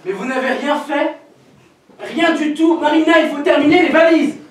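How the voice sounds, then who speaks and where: A man's voice: very high-pitched, normal speed. A young man playing a defiant teenage son on stage. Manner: mocking and passionate, bursts into shouts. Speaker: actor. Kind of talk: stage play performance. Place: theater stage. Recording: echoey hall, miked from far off.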